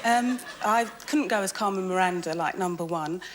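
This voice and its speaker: A woman from Yorkshire giving soft, sultry answers on a TV dating show. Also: on the low side, moderate pace, very noisy. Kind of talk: scripted witty answers.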